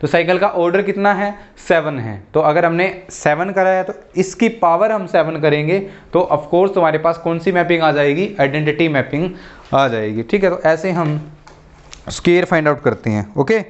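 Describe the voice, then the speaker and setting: On a dull-sounding recording, a man with a slightly high voice teaches math at a moderate pace, switching between Hindi and English. He steps through each example and keeps asking "ठीक है" ("theek hai") and "okay" along the way.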